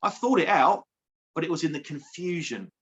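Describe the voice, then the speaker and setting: A man's voice: fairly high pitch, lively intonation, normal speed, highs cut off. A man, a coach speaking earnestly as an interview guest, repeating phrases for emphasis. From England. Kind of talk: heartfelt interview.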